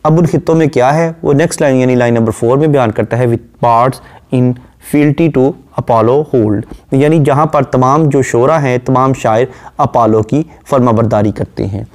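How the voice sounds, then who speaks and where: A man with an Urdu-inflected Hindustani accent giving a classroom lecture on poetry, quoting lines slowly and then explaining them. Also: medium pitch, fairly even intonation, a little mellow. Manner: explains line by line, quotes slowly then paraphrases; rapid listing during rhyme scheme drills. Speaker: literature lecturer.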